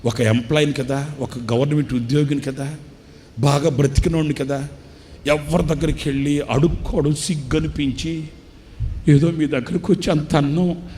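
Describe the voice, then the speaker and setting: A man's voice: a little high, fairly even intonation, moderate pace, darkish tone, slight background noise, voice pushed up, lightly acted. A man voicing a hungry, retired old man who weeps and pleads for food. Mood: tearful. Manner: tearful pleading.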